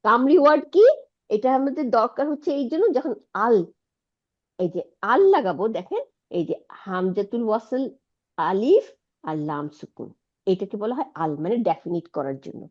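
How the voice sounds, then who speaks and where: A woman's voice: medium pitch, big pitch swings, normal speed, muffled recording. A woman teaching an Arabic lesson, patiently explaining and asking her students checking questions. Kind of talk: online Quranic Arabic lesson.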